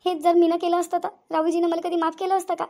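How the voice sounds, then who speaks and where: Heartbroken cartoon wife; very high, fast, tearful pleading. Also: female voice, little pitch movement, a little mellow. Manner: tearful, pleading, repeats herself. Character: grieving young wife and mother. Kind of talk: Marathi cartoon voice acting.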